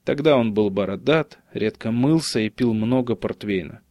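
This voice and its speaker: A man reading an audiobook in a steady, even narration. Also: lowish voice, normal speed, no echo, clean studio sound.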